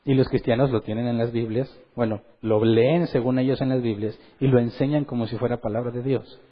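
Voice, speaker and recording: Brisk and mid-range, a man's voice comes through dull audio as he teaches scripture like a pastor giving a sermon. He brings energy to it, throwing questions at his listeners and dramatizing the quotes.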